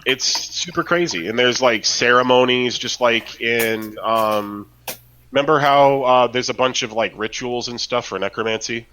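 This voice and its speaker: A man's voice: medium pitch, moderate pace, sharp tone, poor audio. A man chatting casually on a podcast about a role-playing game, rambling with lots of fillers and tag questions. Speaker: podcast co-host.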